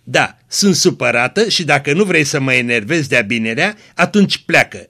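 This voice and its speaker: A stern, remorseful young woman from a read-aloud story, voiced by a man in his own reading voice. She snaps out rebukes and pleads in prayer, in a bright, forward tone. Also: medium pitch, lively intonation, creaky, heavily acted. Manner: sharp rebukes, then fervent pleading prayer.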